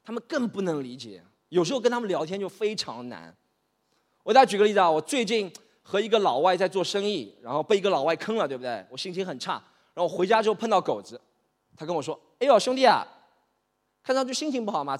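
Fast, animated stand-up comedian in his 30s. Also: high-pitched. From Shanghai. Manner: animated, mixes English into his talk, acts out characters. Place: stage in a hall. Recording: reverberant hall.

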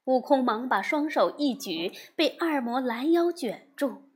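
Slow breathy woman storyteller. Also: high voice. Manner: expressive, measured. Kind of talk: storybook narration.

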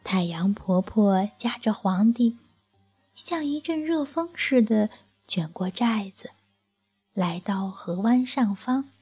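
A woman narrating a children's folk tale in a soft, half-whispered way. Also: medium pitch, animated, slow, husky, dull audio, soft background music. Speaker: storyteller.

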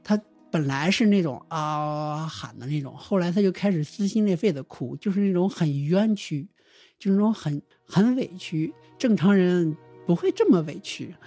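A man casually retelling a strange family experience as a guest storyteller, in a loose, halting way with frequent restarts. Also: high-pitched, animated, warm tone, faint music behind. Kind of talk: casual spoken storytelling of a real ghost experience.

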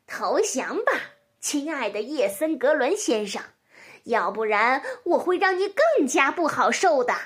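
A woman's voice: sits high, big pitch swings, unhurried. A woman voicing a sly, cunning female fox who gloats and teases in a children's storybook reading. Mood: gloating. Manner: smug, teasing.

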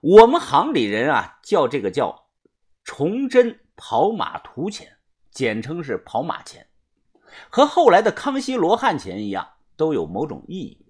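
A woman narrating a first-person novel as an animated storyteller. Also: low-pitched, measured pace, slightly rough. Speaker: audiobook narrator.

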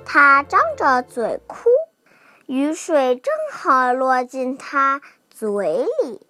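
Woman storyteller for toddlers, high and bright, slow sing-song delivery, soft music under her. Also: dry recording. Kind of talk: bedtime story for small children.

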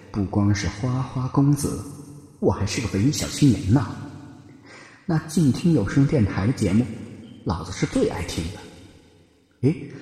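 A man's voice: mid-range voice, warm tone, lightly acted. A man playing a brash modern playboy's soul trapped in a palace, talking in a cocky, swaggering way in an echoey room. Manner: cocky, swaggering inner monologue.

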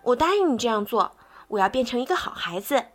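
A woman voicing a lively, naughty wooden puppet boy in a bedtime story, in an eager childlike way. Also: a little high, a little fast.

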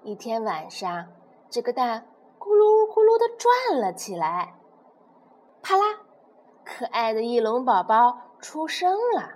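A woman reading a children's story aloud, slow and expressive, acting out the sound words. Her voice is high and sings up and down, with a slightly breathy tone.

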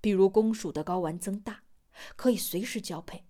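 A woman narrating a novel as an audiobook in measured storytelling style, giving voice to every character. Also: mid-range voice, warm tone.

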